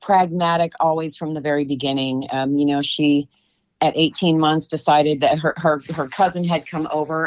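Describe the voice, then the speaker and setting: Heard on a rough recording, a US woman in her fifties, appearing as an interview guest, speaks in a low-sitting voice. She responds thoughtfully and with hesitation, filling gaps with lots of fillers.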